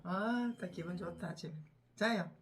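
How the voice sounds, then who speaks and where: A woman's voice: lowish voice, moderate pace, slight background noise. Chatty older woman with a Gyeongsang accent. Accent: Gyeongsang Korean. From Gyeongsang region, Korea. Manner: chatty, teasing, laughs often, drops to soft murmurs. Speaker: vlogger, home caregiver. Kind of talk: casual morning chat to camera. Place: home, at the table with coffee.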